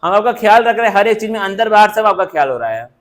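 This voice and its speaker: A man's voice: high voice, very animated, fast talker. A man teaching a coaching class, scolding his students in a stern, repetitive lecturing manner. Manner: stern, lecturing, repeats himself.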